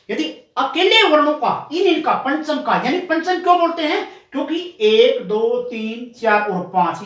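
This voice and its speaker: A man's voice: high-pitched, a bit bright, far from the mic. Man teaching in an echoey room. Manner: patient, explains step by step, spelling out sounds one by one. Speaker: coaching teacher. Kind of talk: classroom lesson.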